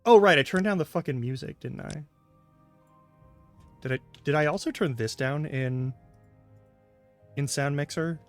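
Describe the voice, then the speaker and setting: A man's voice: a little high, measured pace, long pauses, faint music behind. A man casually chatting and swearing freely while streaming a game. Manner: rambling, frank, swears casually. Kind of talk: casual live-stream commentary.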